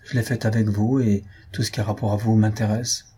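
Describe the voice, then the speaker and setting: A man's voice: fairly low pitch, little pitch movement, brisk, dark tone, husky. A man voicing a timid, sentimental young man who speaks in an earnest, pleading way.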